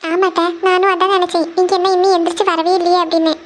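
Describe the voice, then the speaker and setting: A woman's voice: extremely high pitch, little pitch movement, quick pace. A woman voicing an anxious, caring middle-aged mother in a family cartoon, who talks in a worried way, thinking aloud. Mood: concerned. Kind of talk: cartoon voice acting.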